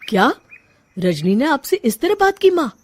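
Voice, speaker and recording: A woman voicing a gentle young husband in an animated story, who questions and coaxes softly. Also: sits high, moderate pace. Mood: concerned. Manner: coaxing, questioning.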